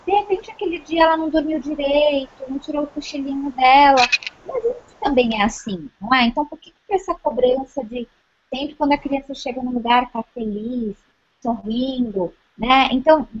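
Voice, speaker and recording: High-voiced Brazilian woman, chatty. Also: moderate pace. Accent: Brazilian Portuguese. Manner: chatty and personal, frequent tag questions. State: pregnant. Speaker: mother on a parenting panel. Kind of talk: casual panel chat. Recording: muffled, slightly noisy recording.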